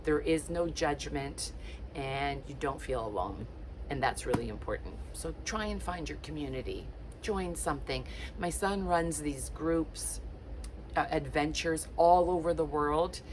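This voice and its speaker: Against a noisy background, a low-voiced woman speaks a little slowly. She's a Portuguese-born lifestyle vlogger in her late fifties whose casual to-camera chat is warm and encouraging and full of ums, likes and other fillers.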